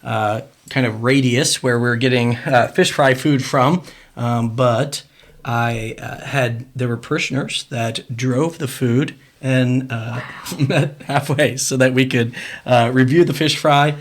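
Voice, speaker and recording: A man's voice: medium pitch, takes it slowly. A man, a priest hosting a casual food-review show, talking in an easygoing, rambling way with many fillers. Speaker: priest and host.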